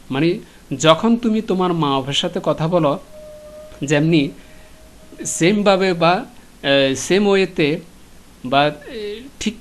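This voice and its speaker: A man teaching an English lesson to schoolchildren, explaining patiently with frequent filler pauses and repeated questions. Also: fairly high pitch.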